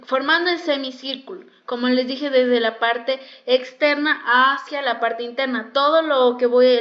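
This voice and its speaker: High-voiced woman teaching makeup. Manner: explanatory, repeats herself often. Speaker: makeup instructor. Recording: dull lo-fi sound.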